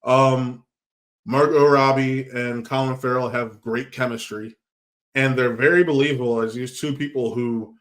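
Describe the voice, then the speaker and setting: Male film-review host, mid-pitched, chatty and rambling, casual delivery. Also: fairly even intonation, a little slow, fairly bright tone. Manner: chatty, rambling with restarts and asides. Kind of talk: casual movie review talk.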